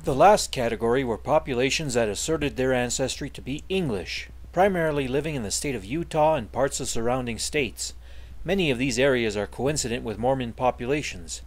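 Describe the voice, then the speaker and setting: A man reads a prepared narration with a smooth, even delivery. His pitch is ordinary and mid-range, and he doesn't stumble or hesitate. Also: brisk. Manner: smooth, even read-aloud delivery without fillers. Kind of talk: scripted narration.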